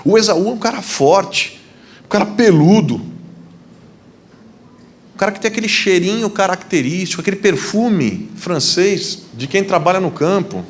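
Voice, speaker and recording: Anxious young homebody, hushed and fretful, played by a male preacher in a sermon. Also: sits high, lively intonation, normal speed, voice pushed up. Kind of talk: acted scene in a sermon.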